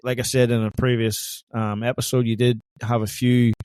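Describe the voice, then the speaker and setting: A man's voice: medium pitch, little pitch movement, moderate pace, a little mellow, smooth, no room sound, studio quality. A man co-hosting a casual sports podcast, chatty and joking, calling his co-host "mate".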